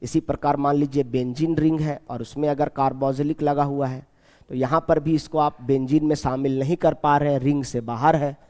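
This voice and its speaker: A man gives a chemistry lecture in a slightly high, mellow voice. He repeats each name slowly and keeps asking his students questions. The sound rings with a long reverb, as in a large bare room. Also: steady tone. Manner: repeats key names slowly and asks the class questions. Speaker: chemistry teacher. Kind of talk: classroom lecture.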